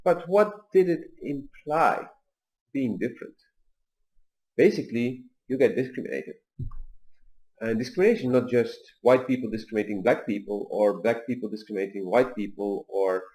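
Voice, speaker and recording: A man in his forties, raised in Tunisia, hosting a video and telling personal stories in a calm, measured way with pauses and fillers. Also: mid-range voice. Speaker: video host. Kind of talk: personal reflective talk.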